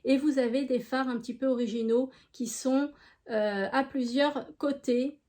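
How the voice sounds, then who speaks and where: A woman with a French regional accent chatting casually through a beauty product review, unhurried, with many fillers. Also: sits high, steady tone, darkish tone. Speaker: beauty vlogger.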